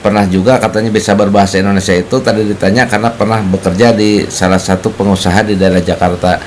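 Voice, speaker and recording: A man's voice: lowish voice, fairly even intonation, fast, slight background noise. A man hosting an interview, asking polite, curious questions with apologetic asides. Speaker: host interviewer.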